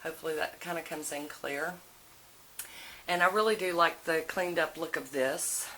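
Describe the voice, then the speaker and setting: A woman's voice: low-pitched, fairly even intonation, moderate pace, fairly bright tone. A woman giving a casual, informal video tour in a folksy way, recorded indoors at home on a handheld camera. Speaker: vlogger showing a nail polish collection. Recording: noisy home recording with clicks.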